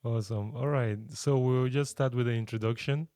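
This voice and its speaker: A man hosts a casual podcast and leads the introductions. He speaks in a relaxed, unhurried way with a mid-pitched voice. The sound is dry and close. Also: no echo. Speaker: podcast host. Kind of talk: casual interview.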